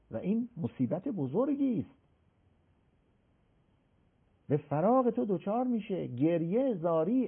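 A male religious scholar talking through an old text in an interview. His pitch rises and falls a lot as he acts out the people he quotes and recites scripture slowly. His voice is husky, and the sound is thin and phone-like. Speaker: religious scholar explaining hadith.

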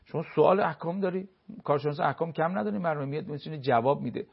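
A man speaks as a religious expert on a television talk program, his voice gravelly and husky and sitting a little high. He lectures emphatically, piling up rhetorical questions. The broadcast sound is dull and lo-fi.

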